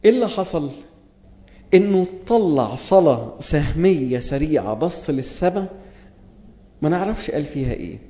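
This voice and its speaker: An Egyptian preacher with an Egyptian Arabic accent gives an earnest sermon in a deep, mellow, sing-song voice, reading scripture aloud and then restating it in plain everyday speech. He slowly repeats key phrases for emphasis. The sound is dull and muffled, echoing long as if in a large hall.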